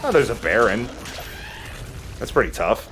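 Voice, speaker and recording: A man plays a game and offers casual commentary in offhand asides, video game music behind him. His fairly low voice swings widely in pitch and moves a little slowly, with some background noise.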